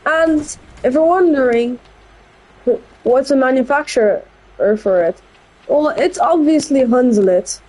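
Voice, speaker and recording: A woman's voice: sits high, a little slow, darkish tone, low-quality recording. A woman giving casual gameplay commentary, rambling with blunt, opinionated asides. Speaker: gameplay channel host.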